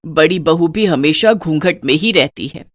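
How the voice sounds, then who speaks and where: A woman's voice: deep voice, expressive, moderate pace, no echo, studio quality. A woman voicing a strict, old-fashioned older mother-in-law in a cartoon story, scolding and commanding her daughters-in-law. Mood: stern.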